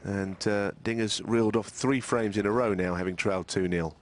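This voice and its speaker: A man giving hushed, measured and analytical snooker commentary as co-commentator. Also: on the low side, fairly even intonation. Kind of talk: hushed live sports commentary.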